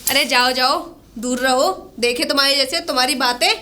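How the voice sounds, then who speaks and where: A woman's voice: high voice, moderate pace, pushed and bright, a little hiss or hum. A woman playing a defiant taunting wife. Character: defiant neglected young wife. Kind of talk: low-budget Hindi short drama acting.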